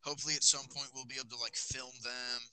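A man's voice: medium pitch, flat delivery, fast, background noise. A teenage boy hosting a casual podcast with friends, rambling with lots of fillers, recorded on a phone. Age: teens. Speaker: podcast host. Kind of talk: casual chat.

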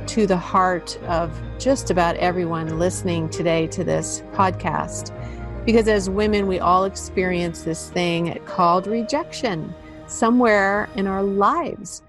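A woman hosting a podcast as a life coach, speaking in an earnest, upbeat and deliberate way. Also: medium pitch, music in the background.

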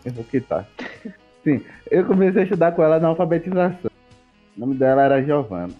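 A man with a Brazilian accent in a casual chat, relaxed and slangy. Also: fairly high pitch, fast talker. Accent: Brazilian Portuguese. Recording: dull lo-fi sound with faint music.

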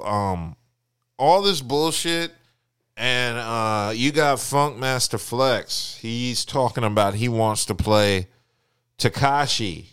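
A young adult man co-hosting a podcast in casual chat, telling stories in an animated, profane way. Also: mid-range voice, clean tone, no room sound, studio quality. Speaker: podcast co-host.

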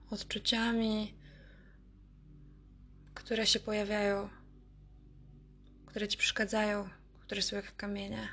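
A woman leading a guided breathing meditation as an instructor, calm and unhurried, with long pauses. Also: mid-range voice, slight background noise.

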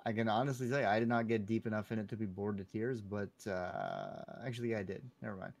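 Brief: quick, low-voiced male co-host, sarcastic quips about games. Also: expressive, creaky, a little mellow. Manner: wisecracking, sarcastic. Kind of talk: casual gaming chat.

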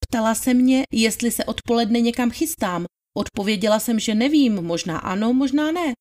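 With a somewhat high, slightly mellow voice and light acting, a woman performs a young housemaid's witness testimony. The maid answers deferentially, plainly and politely in this dramatized trial reading.

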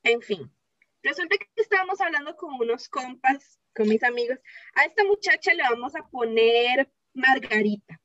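A woman's voice: high voice, animated, moderate pace, bright, forceful tone, no room sound. Costa Rican woman talking Spanglish, slightly muffled. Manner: Spanglish, dropping English phrases into Spanish. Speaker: podcast co-host. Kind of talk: casual chat.

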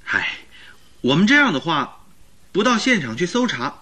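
A man's voice: a little high, sing-song, normal speed, pushed and bright, breathy edge, full character voice. A man playing an earnest, eager doctor and detective's companion in a radio drama, explaining with emphasis. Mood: flustered. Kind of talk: Mandarin radio drama acting.

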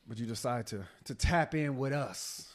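A man's voice: mid-range voice, normal speed. A man co-hosting a marriage podcast in casual chat, playful and hyping up his listeners. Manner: hyped, playful, hypes up the audience. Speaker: podcast co-host.

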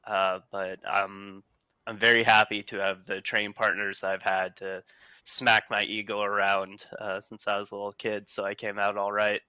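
A man in casual chat, speaking earnestly and haltingly. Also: fairly low pitch, little pitch movement, bright, forceful tone, dry recording, highs cut off. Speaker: guest player.

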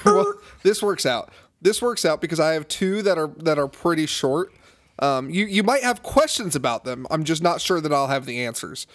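A man co-hosting a casual podcast chat, joking around and laughing often, with frequent restarts. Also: a little high. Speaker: podcast co-host.

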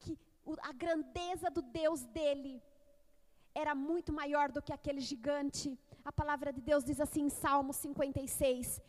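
High, unhurried woman preaching in a hall. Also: fairly even intonation. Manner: fervent, calls on the congregation to repeat. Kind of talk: sermon with Bible reading. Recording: long reverb of a hall.

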